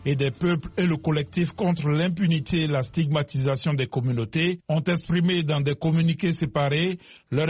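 A man presenting the radio news in a formal, measured way. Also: a little high, slightly rough, no echo. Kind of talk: scripted news reading.

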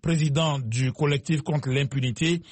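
A man presenting the radio news in a formal, measured way. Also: fairly high pitch, fairly even intonation, slightly rough, dry recording. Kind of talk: scripted news reading.

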